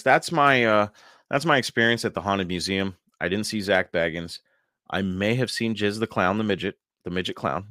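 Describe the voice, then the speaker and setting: A man's voice: fairly low pitch, a bit bright, no echo, clean studio sound. A male podcast host who reads his own written account aloud and then chats casually, wry and sarcastic, laughing often.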